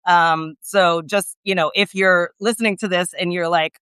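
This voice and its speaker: Bright, crisp-voiced female interview host. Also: fairly low pitch, steady tone, moderate pace, dry recording. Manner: attentive, frequent "mm-hmm" backchannels. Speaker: host, immigration lawyer. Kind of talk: interview hosting. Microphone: video call.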